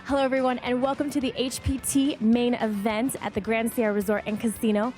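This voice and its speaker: A woman's voice: on the high side, little pitch movement, fairly quick, darkish tone, soft background music. A woman presenting on site for a poker broadcast, introducing players in a cheerful, scripted way.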